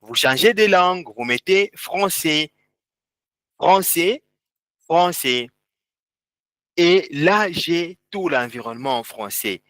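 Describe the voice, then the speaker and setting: A man teaching a live online tech class over a computer mic. His voice sits slightly high, and the sound is dry with no room around it. He moves step by step, repeating words as he points things out on screen. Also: expressive, a little slow, few pauses, fairly bright tone, dry recording. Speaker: instructor.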